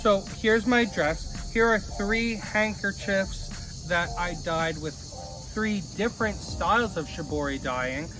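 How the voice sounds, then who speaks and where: A woman hosting a parody cooking and craft show, explaining each step with gushing, playful over-excitement. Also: medium pitch, slow pace, rough recording. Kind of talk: mock-earnest cooking and craft demo.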